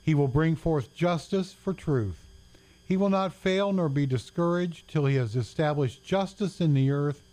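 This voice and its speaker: Man reading scripture slowly. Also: fairly high pitch, darkish tone. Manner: slow, deliberate reading.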